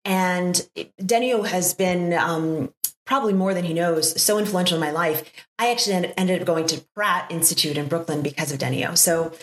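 A woman in her fifties hosting a conversation, speaking warmly and effusively with many fillers. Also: lowish voice, moderate pace. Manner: warm and effusive, with lots of fillers. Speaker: podcast host. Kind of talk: casual interview conversation. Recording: echoey room.

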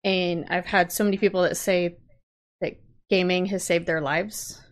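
An earnest woman speaks with a fairly low voice as a podcast guest. She explains at a steady, casual clip. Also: normal speed. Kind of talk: casual chat.

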